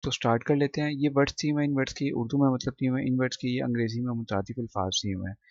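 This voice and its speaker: Teacher explaining words slowly. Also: male voice, mid-range voice, steady tone, a little mellow, no echo. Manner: explains word by word, slow and deliberate when reading English lines. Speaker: English teacher. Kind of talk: screen-recorded textbook lesson. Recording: dull, dry close recording.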